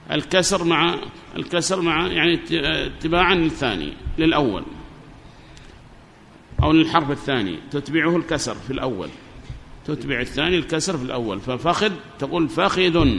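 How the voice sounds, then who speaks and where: A man teaches a grammar class through a microphone, often stopping to quiz his students and repeat their answers. His voice sits a little high, and it carries through a reverberant hall with a faint hiss of noise behind it. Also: creaky, sharp tone. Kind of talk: classroom lesson explaining a grammar poem. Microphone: amplifier microphone.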